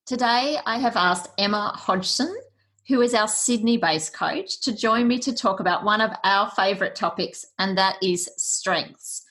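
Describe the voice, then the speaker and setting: A woman's voice: medium pitch, unhurried, a bit bright. A woman hosting a careers podcast, introducing her guest and guiding the talk with friendly questions. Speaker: podcast host and career coach. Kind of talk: podcast interview.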